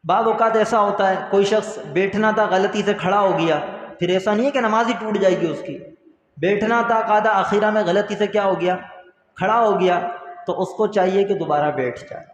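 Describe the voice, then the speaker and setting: A man with a high voice teaches a religious lesson in earnest, asking questions and then answering them, and repeating each key point. He calls his listeners brother. The recording is echoey, with a long hall reverb. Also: lo-fi sound. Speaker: Islamic teacher.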